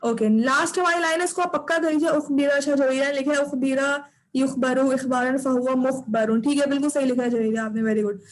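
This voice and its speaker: A woman's voice: sits high, steady tone, brisk, rough recording. A woman teaching an online class, patiently drilling recitation and repeating her corrections over a video call.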